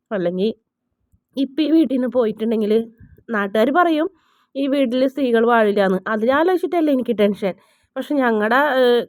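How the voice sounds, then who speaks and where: An earnest younger brother pleads with his sister-in-law, hesitant but persistent, with a woman reading the part. The voice moves quickly in a dry, close sound. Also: fairly high pitch, darkish tone, dry recording, close to an everyday voice.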